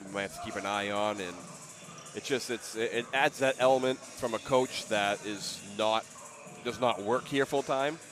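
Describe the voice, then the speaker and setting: Halting coach doing color commentary. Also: male voice, fairly low pitch, a bit bright, rough recording. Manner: halting, repeating words as he searches. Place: courtside in a college gym. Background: music.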